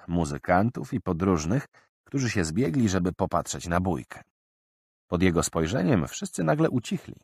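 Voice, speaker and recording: Low-voiced, expressive male narrator. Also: slightly rough, no echo, clean studio sound. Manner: expressive, varied reading. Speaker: audiobook narrator. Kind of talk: scripted narration.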